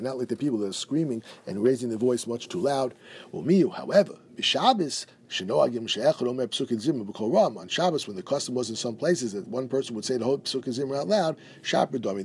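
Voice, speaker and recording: Fast-talking husky man teaching halacha. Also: medium pitch, a little mellow. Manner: reads Hebrew and Aramaic quotes, then explains in English. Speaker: Torah teacher. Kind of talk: halacha class, reading and translating texts.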